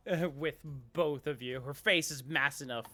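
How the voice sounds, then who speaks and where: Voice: mid-range voice, normal speed, pushed and bright, faint music behind. A game master narrating an improvised tabletop game.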